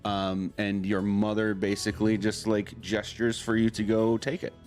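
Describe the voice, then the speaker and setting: Male game master, lower voice, halting improvised narration in short phrases, soft music underneath. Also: monotone. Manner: halting, pieces scenes together in short phrases.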